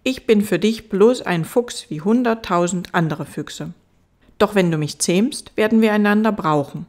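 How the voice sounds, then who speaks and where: A woman voicing a gentle, wise fox in an audiobook, earnest and patient as it explains. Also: mid-range voice, a little slow, voice pushed up, lightly acted.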